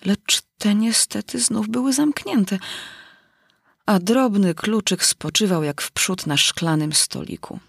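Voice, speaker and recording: A woman narrating a classic storybook in a measured, old-fashioned storytelling manner. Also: mid-range voice, gravelly, slightly rough, no room sound, clean studio sound. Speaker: audiobook narrator. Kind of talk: storybook reading.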